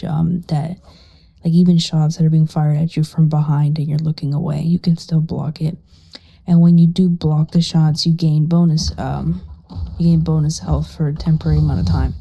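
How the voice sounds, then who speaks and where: A woman speaking very quietly, at times nearly whispering and barely audible, in a casual, sweary gameplay tutorial. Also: deep voice. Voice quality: very quiet, hushed, partly whispered voice. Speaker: gaming guide creator. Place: living room at home.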